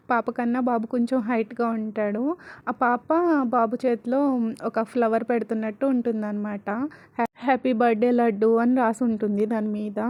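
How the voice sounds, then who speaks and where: A woman's voice: a little high, warm tone. Chatty woman telling a story. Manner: chatty, conversational. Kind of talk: casual story narration.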